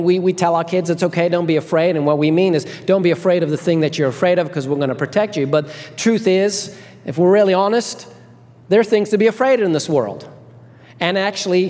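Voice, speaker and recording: A man's voice: sits high, a little mellow. A man preaching a sermon in a conversational way, repeating key phrases and checking in with the congregation. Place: large reverberant room, live before a congregation. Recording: reverberant hall.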